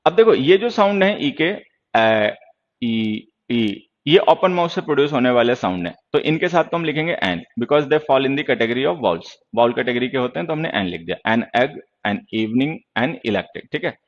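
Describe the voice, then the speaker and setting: A man's voice: on the high side, lively intonation, fairly quick, hardly any pauses, muffled recording. A man teaching English grammar in Hindi during an online class, lecturing sternly and answering viewers' questions.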